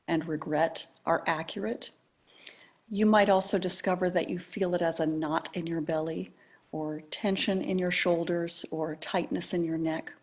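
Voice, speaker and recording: A middle-aged woman leading a guided meditation, talking in a calm, gentle, measured way. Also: fairly low pitch. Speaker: meditation leader.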